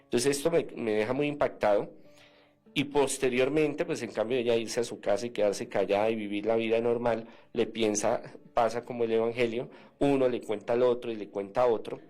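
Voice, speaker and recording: Brief: male radio guest of medium pitch, animated storyteller who acts out quotes and fills pauses with "eh". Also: soft background music. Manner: animated, acts out quoted dialogue, many hesitant fillers. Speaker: interview guest, former seminarian.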